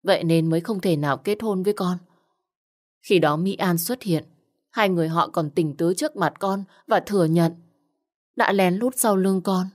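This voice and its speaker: A cold, scornful young woman, voiced by a woman reading an audio story. She speaks in a fairly low, cool tone close to the reader's own. Her delivery is dismissive and firm. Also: normal speed, natural voice. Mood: aggrieved.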